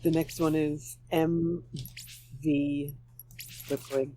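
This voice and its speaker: Mellow, slow, rambling storyteller. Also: medium pitch, flat delivery, slight background noise, poor audio. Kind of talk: casual chat.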